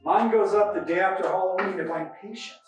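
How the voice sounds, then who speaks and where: A helper reading viewers' comments aloud during a live stream, with lively intonation. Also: medium pitch, fairly quick, very echoey, far from the mic, music in the background, rough recording.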